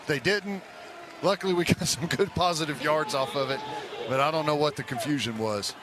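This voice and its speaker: Over the din of the stadium, a man offers chatty analysis of every play as color commentator on a live football radio broadcast. He speaks a little fast in a fairly high voice.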